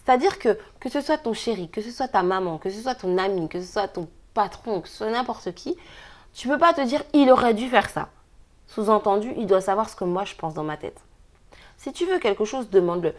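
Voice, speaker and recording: A woman reads tarot cards for the day in a brisk, expressive voice of medium pitch. Her delivery is casual, chatty, and emphatic, with laughs slipping in as she advises.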